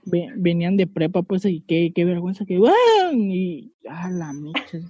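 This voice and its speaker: A woman's voice: fairly low pitch, moderate pace, dark tone, breathy edge, dry recording, muffled recording. A woman chatting casually, telling rambling stories with restarts. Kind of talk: casual chat.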